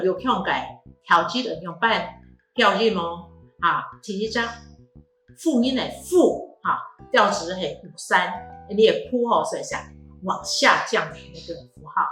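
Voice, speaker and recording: A woman's voice: mid-range voice, fairly bright tone, reverberant. A woman language teacher explaining tone marks, patiently modelling syllables and stretching them out for the class. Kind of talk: classroom tone lesson.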